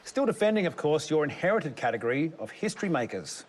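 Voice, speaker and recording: A man hosting a game show like a booming prize announcer, with dramatic pauses and drawn-out emphasis. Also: very animated, slight background noise. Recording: studio show with loud music and crowd. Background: music and audience.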